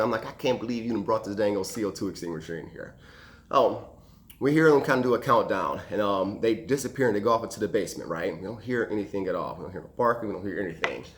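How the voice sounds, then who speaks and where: A firefighter recounting an emergency call as a casual anecdote, acting out the people involved with lively quoted voices. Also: male voice, fairly low pitch, fast. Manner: animated, acts out quoted voices and sound effects.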